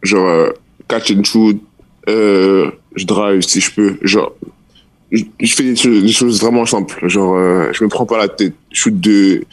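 A man's voice: fairly low pitch, fairly even intonation. Laid-back teenage guy. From France. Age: teens. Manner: laid-back, slangy, halting with many fillers. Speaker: young basketball player guest. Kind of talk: casual interview chat.

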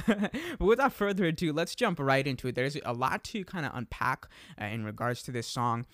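A man's voice: on the high side, lively intonation, normal speed, a bit bright, no echo, clean studio sound. A young adult man hosting a casual podcast. He talks in an easygoing way, laughs at himself and uses lots of fillers. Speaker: podcast host. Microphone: desk microphone.

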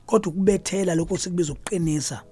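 A man with a Zulu accent and a husky voice, a traditional healer explaining things as a radio guest. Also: high-pitched, rapid-fire, mellow. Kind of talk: explaining on a radio advice show.

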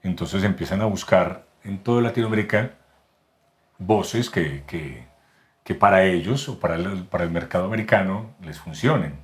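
A Medellín-born voice actor and announcer with a paisa accent explains things at length as a guest on a casual podcast interview. His somewhat low voice has lively intonation and a moderate pace, and he often restarts sentences and repeats words while hunting for the right phrasing.

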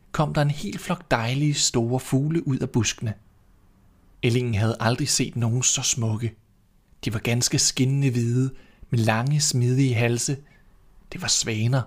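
A man narrating a storybook in a calm, measured, expressive reading. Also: medium pitch.

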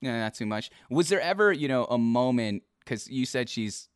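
A man's voice: mid-range voice, animated, moderate pace, clear, resonant tone, dry recording, clean studio sound. A man streaming, chatting casually with a guest, teasing and laughing easily, often repeating his words. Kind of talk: casual chat.

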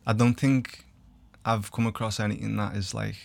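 A man's voice: lowish voice, flat delivery, moderate pace, vocal fry. A man speaking as a podcast guest, casually and earnestly explaining his ideas and often checking that he is understood. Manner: earnest explainer, often checks "you know what I mean". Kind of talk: casual, philosophical chat. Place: podcast studio.

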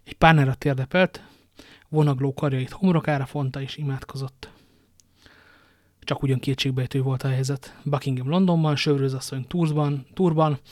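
A man narrating an audiobook in a measured storytelling manner. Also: medium pitch, no room sound, studio quality. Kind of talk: audiobook reading.

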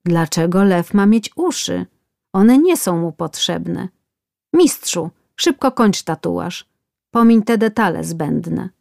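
A woman's voice: on the low side, animated, takes it slowly, gravelly, a little mellow, dry recording, clean studio sound, full character voice. A woman doing a whining man who fears pain. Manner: complaining, pleading. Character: whining man getting tattooed, fearful of pain.

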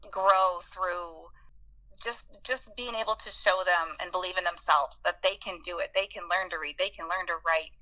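A woman's voice: medium pitch, pushed and bright, highs cut off. A woman in her forties, a beginning teacher, earnestly telling personal stories in an interview and acting out the voices she remembers. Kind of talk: heartfelt personal storytelling.

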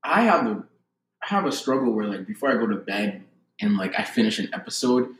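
A man's voice: on the low side, very animated, fairly quick, a bit bright. A young man, chatting casually and slangily as a podcast co-host. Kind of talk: casual chat. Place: basement, indoors. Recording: echoey basement room.

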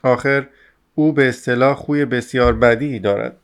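A man's voice: medium pitch, close to an everyday voice. A man reading as a teasing servant woman. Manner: mocking, scolding. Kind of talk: audiobook character reading.

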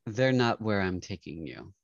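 Deep-voiced man playing, dull dry sound. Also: big pitch swings, moderate pace, vocal fry, dry recording. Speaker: tabletop game player. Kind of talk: describing in-game actions.

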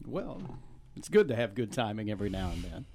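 A man's voice: fairly low pitch, big pitch swings, fairly quick, darkish tone. A man chatting casually about sports as a radio broadcaster.

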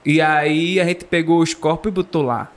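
A man from Pernambuco with a Pernambuco accent, telling a comic story in the first person with playful, animated delivery. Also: fairly high pitch, normal speed. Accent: Pernambuco Brazilian Portuguese. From Pernambuco, Brazil. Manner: playful, animated, jokey delivery with acted sound effects. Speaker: storyteller guest.

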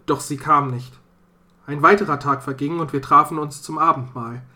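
Bright, measured audiobook narrator. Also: mid-range voice, fairly even intonation. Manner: measured, storytelling. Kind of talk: scripted first-person narration of a dark folk tale.

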